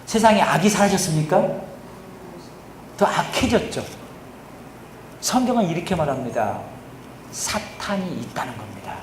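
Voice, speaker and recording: A male pastor preaching a sermon, often asking the congregation questions and answering them himself, his voice swinging between loud and quiet. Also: high-pitched, slight background noise. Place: church sanctuary. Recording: echoey church hall recording.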